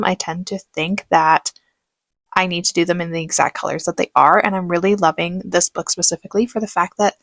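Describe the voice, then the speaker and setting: Chatty woman with a gravelly edge. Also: fairly low pitch, a bit bright, no echo. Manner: chatty, self-aware, lots of fillers. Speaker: art tutorial host. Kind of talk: relaxed voice-over commentary.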